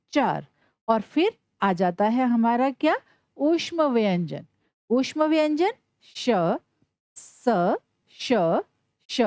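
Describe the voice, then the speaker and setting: A woman teaching a Sanskrit lesson to children, asking questions and answering them herself, spelling out letters slowly. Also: sits high, a little mellow, no room sound, studio quality. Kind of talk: classroom lesson.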